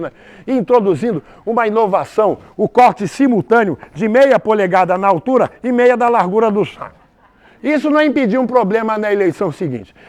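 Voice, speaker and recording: A Brazilian man performing a storytelling monologue live on a theater stage, lively and joking directly with the audience. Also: sits high. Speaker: stage actor.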